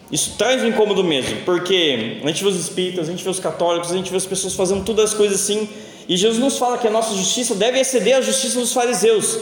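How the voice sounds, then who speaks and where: A young man preaching a sermon in a church, telling stories in a casual, joking way. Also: high-pitched. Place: church hall. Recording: echoey church hall with long reverb.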